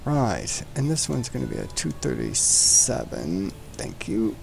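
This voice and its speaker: Hosting a simulator flight, this streamer talks casually, joking and chatting to his aircraft during setup. He speaks at a measured pace in a mid-range, darkish, sing-song voice with vocal fry, over a little hiss or hum.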